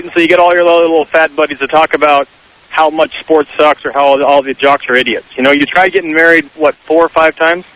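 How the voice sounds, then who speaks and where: A young man phoning in to a radio show to take shots at the host. His voice sits fairly high. He is blunt and mocking and slips in laughs between his jabs. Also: a bit bright, rough recording. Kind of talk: heated phone-in argument.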